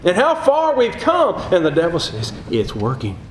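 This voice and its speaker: A man's voice: extremely high pitch, big pitch swings, normal speed, roomy sound, slight background noise, poor audio. A middle-aged man preaching a sermon, rising in emphasis on key phrases. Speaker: pastor.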